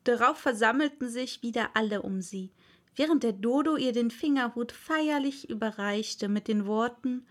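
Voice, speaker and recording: High-voiced woman reading a storybook. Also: normal speed. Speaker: audiobook reader. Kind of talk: storybook narration.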